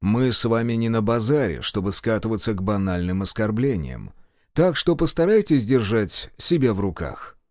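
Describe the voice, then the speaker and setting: A man voicing a smooth-talking secret-service colonel, falsely courteous with an icy edge, in a dry audiobook recording. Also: lowish voice, big pitch swings, normal speed, darkish tone, no room sound. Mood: cold.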